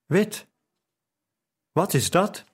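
Man doing a cheeky little boy, playful, higher voice, storybook reading. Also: expressive, extremely slow, slightly rough, exaggerated voice. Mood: curious.

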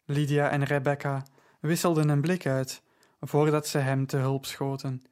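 A man narrating an audiobook story in a measured, even storytelling manner. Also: a little high, smooth.

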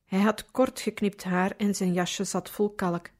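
A woman reads a religious story as scripted narration. Her delivery is calm and measured. Her voice sits at a middle pitch. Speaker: audiobook reader.

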